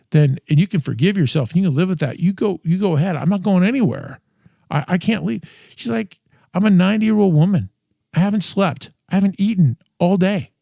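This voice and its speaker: A middle-aged man hosting a podcast, telling a personal story in a quiet, tired, rambling way with many restarts. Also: fairly high pitch, gravelly, dry recording, studio quality. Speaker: podcast host.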